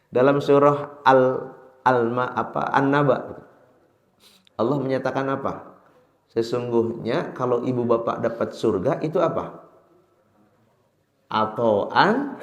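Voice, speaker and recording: A man with a Sundanese accent preaches in a mosque, his voice at an ordinary middle pitch. He tells his story with sudden high, loud bursts and slows down to chant verses. The room around him rings with echo. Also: highs cut off. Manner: chants Quran verses slowly. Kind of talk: mosque sermon. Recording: echoey mosque hall.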